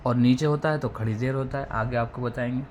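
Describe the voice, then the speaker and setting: A man teaching a step-by-step recitation lesson, drilling letter sounds slowly and repeating each rule for beginners. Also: medium pitch, steady tone, a little mellow, slight background noise. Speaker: Quran reading teacher.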